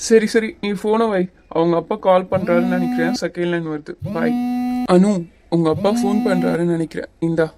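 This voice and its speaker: A woman voicing a calm, teasing young male hero in a cartoon series. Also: fairly low pitch, brisk, crowd noise, lightly acted. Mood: dismissive. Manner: teasing, patient, a little bossy. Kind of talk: Tamil cartoon series voice acting.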